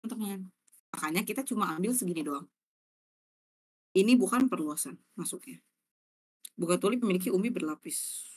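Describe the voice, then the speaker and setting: A woman's voice: mid-range voice, expressive, fairly quick, long pauses, a little mellow, husky. A young woman, teaching a live online class in a chatty, slangy way and checking often whether students understand. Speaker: online exam-prep tutor.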